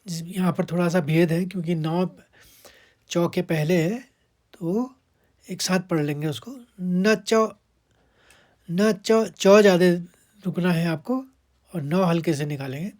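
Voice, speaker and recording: Female recitation teacher, low-pitched and unhurried; chants lines slowly, patient step-by-step coaching. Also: a little mellow. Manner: chants verse lines slowly, then explains in quick asides. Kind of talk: verse recitation lesson.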